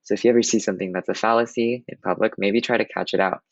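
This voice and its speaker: A young man with a low, gravelly voice gives earnest advice on public speaking. The recording sounds dull and lo-fi, dry with no room echo. He teaches in a steady, instructional way. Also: fast talker. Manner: earnest, advice-giving, with occasional restarts and fillers. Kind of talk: instructional talk.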